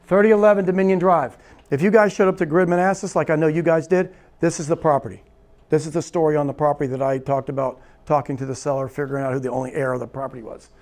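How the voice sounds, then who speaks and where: In a seminar room, a man with a fairly high voice teaches real estate investing at a quick pace. An animated storyteller, he acts out the quoted dialogue and keeps checking in with "right?"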